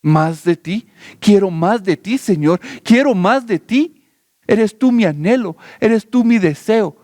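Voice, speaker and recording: A male pastor with a high voice preaches and prays slowly and fervently. He repeats phrases in a steady cadence. The recording is dry, with no room echo. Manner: slow, pleading prayer. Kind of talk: sermon turning into prayer.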